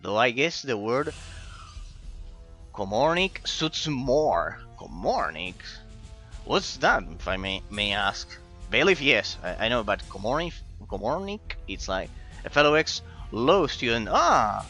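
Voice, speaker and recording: Speaking slowly, this Argentine game streamer has a medium-pitched voice that's very animated, pushed and bright. A native Spanish speaker with an Argentine accent, he talks casually and very courteously with live-stream viewers, repeating words to stress them, over faint game music.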